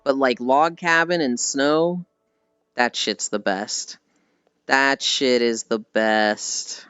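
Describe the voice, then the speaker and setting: Taking it slowly, an American man talks to his livestream viewers in a clear, resonant, fairly bright mid-range voice with no echo. His style is casual and rambling, self-deprecating, with offhand swearing. The audio is slightly dull, and music plays in the background.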